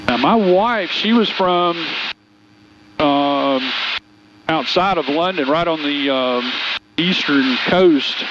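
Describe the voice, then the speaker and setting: A man's voice: fairly high pitch, lively intonation. Easygoing man pilot on muffled intercom. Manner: easygoing, halting with fillers. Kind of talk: casual chat. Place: small plane cockpit in flight. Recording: muffled intercom with engine noise.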